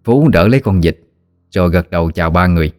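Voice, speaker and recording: A man with a Southern Vietnamese accent narrating a ghost story in a steady, plain manner. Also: deep voice, quick pace, no room sound, studio quality, soft background music.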